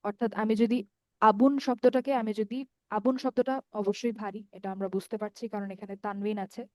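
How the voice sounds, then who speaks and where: A woman teaching an online Arabic grammar lesson in Bengali with a Bangladeshi accent. She explains patiently, step by step, slowly repeats word forms with drawn-out vowels and keeps checking that her students follow. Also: mid-range voice, steady tone, no room sound.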